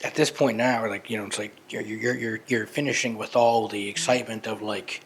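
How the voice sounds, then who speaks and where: A man's voice: fairly low pitch, fairly even intonation, brisk, fairly bright tone, husky. A man co-hosting a podcast in casual banter, rambling with lots of restarts. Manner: rambling, many restarts and fillers. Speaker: podcast co-host.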